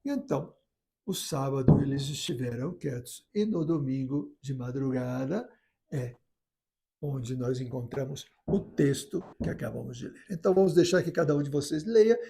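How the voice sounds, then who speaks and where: A man with a Brazilian Portuguese accent gives a gentle, unhurried spoken reflection on a gospel reading, often restarting his phrases. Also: medium pitch, vocal fry. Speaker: priest giving a gospel reflection.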